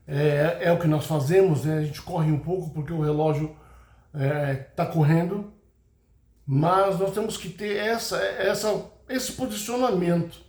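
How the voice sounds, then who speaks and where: High-voiced man giving a church lesson. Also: darkish tone, echoey room. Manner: unhurried, frequent fillers and tag questions. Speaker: Sunday school teacher trainer. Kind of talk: church teaching talk.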